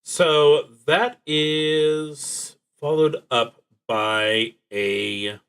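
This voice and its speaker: Here a man runs a solo tabletop roleplaying game on stream, voicing his thoughts and the prompts slowly and haltingly, with long breaks. His fairly high voice is steady, a bit bright, clear and resonant.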